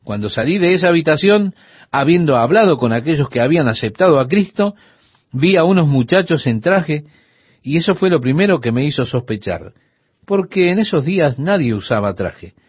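A man's voice: a little high, moderate pace, breathy edge, dry recording, lo-fi sound. A man teaching the Bible for radio listeners, telling a story and voicing the people in it. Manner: lively storytelling, voicing the people in his anecdote.

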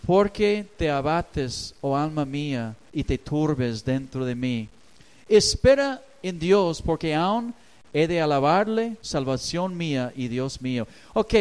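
A pastor delivers an emphatic sermon in a notably high voice. He takes his time, letting phrases stretch out, and swings between hushed reflection and loud outbursts. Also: smooth, poor audio.

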